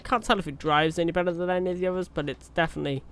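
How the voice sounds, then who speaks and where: A young gaming YouTuber with a cold gives casual commentary over a truck driving game, rambling with fillers and restarts. His voice is high-pitched and steady, very fast, with a fairly bright tone.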